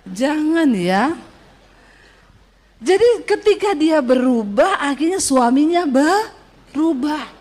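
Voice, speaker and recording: A woman preaching a sermon, telling stories with lively quoted voices and calling to her congregation for an amen. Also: high voice, takes it slowly, long pauses.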